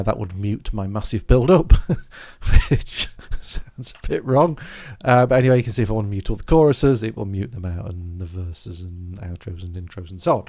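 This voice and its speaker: A man's voice: fairly low pitch, no echo, studio quality. A man presenting a music gear tutorial in a casual, rambling way, thinking aloud as he goes. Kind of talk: casual software and hardware walkthrough. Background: scratching noise from a dog in the background.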